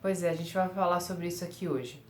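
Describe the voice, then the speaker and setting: A woman's voice: fairly low pitch, fairly even intonation, brisk, darkish tone, reverberant, a little hiss or hum. A young woman giving surfing tips in a casual, chatty way, often laughing at herself and using fillers. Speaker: surf vlogger. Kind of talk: casual tutorial talk.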